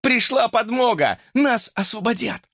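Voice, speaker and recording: Man doing a shrill, yelling excited boy. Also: a little slow, dry recording, studio quality, exaggerated voice. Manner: loud, shouting, eager. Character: excitable shouting boy nicknamed Hamster.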